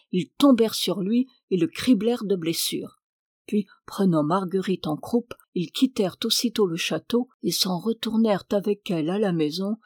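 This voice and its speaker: A woman reading an old folk tale aloud as narrator, with steady, dramatic storytelling. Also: mid-range voice, no room sound, clean studio sound. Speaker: audiobook reader.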